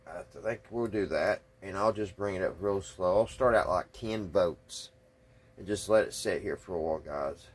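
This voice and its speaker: A hobbyist radio restorer and video host talks through his workbench tasks in a low, husky voice. He's folksy and unhurried, thinking aloud casually as he works with his hands.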